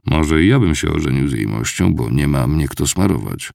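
A gruff, blunt old veteran who mutters, as a man reads him. The voice is deep and gravelly, close and dry. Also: animated, moderate pace, a little mellow, no room sound, heavily acted. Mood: blunt teasing.

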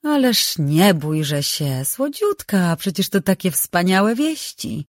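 A woman's voice: fairly low pitch, sing-song, takes it slowly, no room sound, clean studio sound. A narrator voicing a middle-aged female matchmaker who sounds beaming and falsely sweet in an audiobook.

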